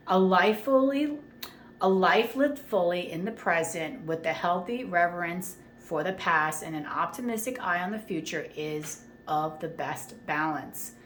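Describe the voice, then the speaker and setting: A woman with a lowish, slightly bright voice gives a casual tarot reading monologue, chatty and reassuring, frequently checking in with "okay?". The room is echoey with faint ambient noise.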